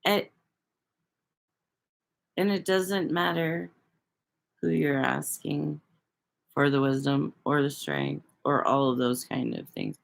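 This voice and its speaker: A woman's voice: low voice, animated, takes it slowly, creaky, long pauses. A woman hosting a casual livestream, talking loosely to viewers, rambling and swearing freely. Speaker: livestream host reading viewer chat.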